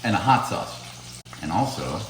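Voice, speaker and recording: Middle-aged man, low voice, laid-back, dry humor, roomy echoey kitchen. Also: big pitch swings, measured pace, noisy background. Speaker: host's father. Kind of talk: casual storytelling and cooking chat. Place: home kitchen.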